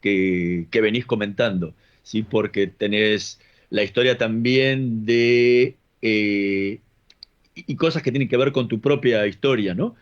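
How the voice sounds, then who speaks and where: A man's voice: on the low side, slow, muffled recording. An Argentine man hosting an interview, asking long questions hesitantly, searching for words with fillers and repeats. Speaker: interview host. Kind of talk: radio interview.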